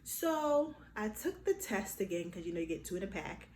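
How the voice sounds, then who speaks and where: A young adult woman telling a personal story in a casual vlog, lively and acting out the quotes. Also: normal speed. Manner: animated, acts out quotes with big pitch jumps. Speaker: vlogger. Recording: echoey room with faint noise.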